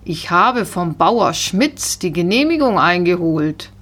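A woman voicing a friendly, firm male riding instructor in a storybook, calmly giving commands. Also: lowish voice, slow pace, heavily acted. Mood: instructing.

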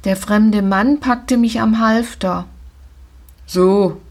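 A woman narrating a children's story in the first person in a calm, measured way. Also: on the high side. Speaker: audiobook reader.

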